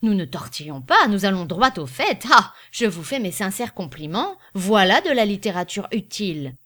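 A woman voicing a boisterous male traveling salesman, speaking in a loud, declamatory way. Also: medium pitch, very animated, moderate pace. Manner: bombastic, declamatory.

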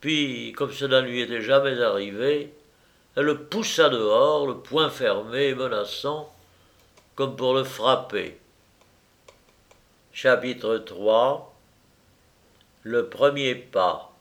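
A man narrating a novel aloud in a measured reading style. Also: mid-range voice, fairly bright tone. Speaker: audiobook narrator. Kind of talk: scripted narration.

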